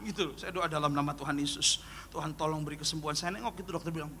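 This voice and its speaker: A man, a pastor, preaching an animated sermon and telling joking stories full of acted-out dialogue. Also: a little high, rapid-fire. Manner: animated, joking, acts out dialogue in his story. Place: church hall. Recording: long hall reverb, faint noise.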